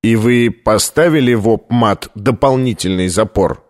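A man's voice: fairly low pitch, unhurried, lightly acted. A man voicing a stern, ailing male lab director who speaks in a tense, clipped way in an audiobook.

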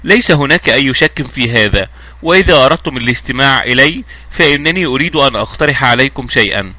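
A man reading the part of a blunt, gruff man. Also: mid-range voice, animated, fast talker, bright, forceful tone, no echo. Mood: insistent.

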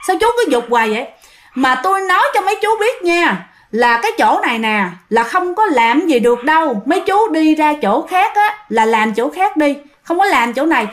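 A woman's voice: sits high, big pitch swings, moderate pace. A woman voicing a stern old male ghost who scolds and warns the workers. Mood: reproachful. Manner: scolding, insistent warnings.

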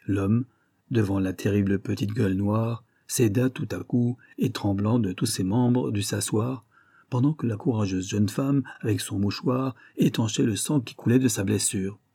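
A man narrating an audiobook with a low, dark voice and a husky grain. He tells the story in a measured, dramatic way, recorded dry and close to the microphone. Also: no room sound. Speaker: audiobook reader. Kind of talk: scripted narration.

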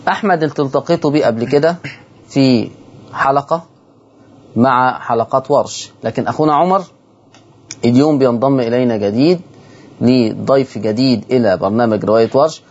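A man with an Egyptian Arabic accent hosting a televised lesson on Quran recitation. He slowly chants and repeats example words from the verses. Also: mid-range voice, a little mellow, slightly rough, muffled recording. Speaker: host and Quran recitation teacher. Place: television studio.

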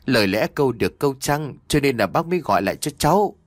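A man's voice: medium pitch, animated, quick pace, no echo, clean studio sound, natural voice. A man doing a flustered old village head. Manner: hesitant, flustered. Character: stammering elderly male village head.

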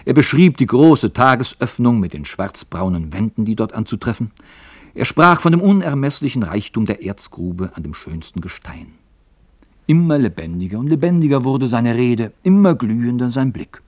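Guy reading an old story out loud, very lively up and down, super dry sound. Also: medium pitch, moderate pace, no room sound. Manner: dramatic, expressive storytelling. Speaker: audiobook reader. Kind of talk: literary audiobook narration.

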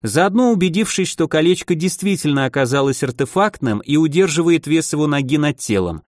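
A man's voice: fairly high pitch, expressive, a little fast, no room sound. Male audiobook narrator, dry close sound. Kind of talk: scripted fantasy audiobook narration.

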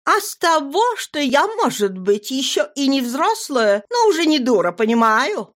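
A blunt teenage sorceress, put on by a woman reading an audiobook, her voice pitched high above the narration and noticeably louder. She talks fast and insistently, matter-of-fact, with a lively, bouncing melody.

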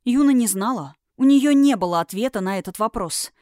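A woman narrating a fantasy audiobook in a dramatic, expressive way, getting louder at tense moments. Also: fairly high pitch, brisk, no echo, studio quality.

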